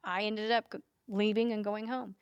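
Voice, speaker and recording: A woman's voice: mid-range voice, level tone, normal speed, clear, resonant tone, dry recording, highs cut off. A woman hosting a podcast interview, telling personal stories in a heartfelt, emotional way. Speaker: podcast host.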